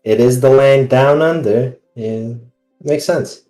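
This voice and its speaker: A man taking part in an online tabletop game trades wisecracks in loose, casual banter. His voice is mellow and dark in tone. The mic picks up a roomy, echoey space around him. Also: mid-range voice, takes it slowly, soft background music. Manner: wisecracking, joking. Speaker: player.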